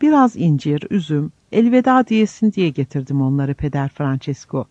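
A man voicing a repentant wild man, rough but humble and once a wolf, speaking earnestly in a slightly dull lo-fi audiobook recording. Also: on the high side, expressive, moderate pace, a little mellow, no echo. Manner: earnest, pleading.

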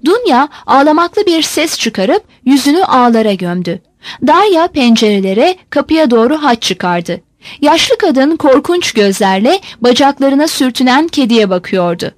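A woman narrates a novel in a measured, expressive audiobook reading. Her voice sits high and moves with wide, lively swings. The recording is close and dry, with no room sound. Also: dry recording.

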